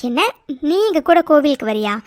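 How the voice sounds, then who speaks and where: A woman voicing a calm, direct older mother-in-law in a cartoon who soothes and questions. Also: high-pitched, a little fast, faint music behind. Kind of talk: cartoon voice acting.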